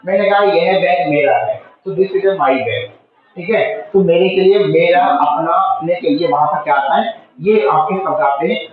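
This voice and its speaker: A man's voice: sits high, a little hiss or hum. A male teacher with a slightly sore throat, explaining a spoken English lesson in Hindi and often repeating key words back to the class as questions. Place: school classroom. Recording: distant, echoey, tinny phone-like sound.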